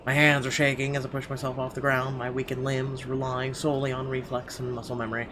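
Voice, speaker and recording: Game music plays beneath a male gaming video host as he narrates a horror visual novel in a suspenseful, theatrical way with emphatic phrasing. His medium-pitched voice is monotone and quick, and there's background noise.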